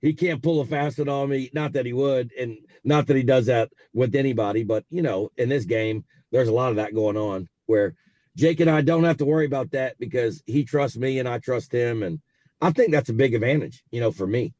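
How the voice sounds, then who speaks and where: A man's voice: mid-range voice, a little fast, mellow, no room sound. Texan man on a car speakerphone. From South Texas. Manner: easygoing, rambling, frequent fillers. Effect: talking on a car speakerphone while driving. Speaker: interview guest, racehorse owner. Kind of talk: casual storytelling over a phone call.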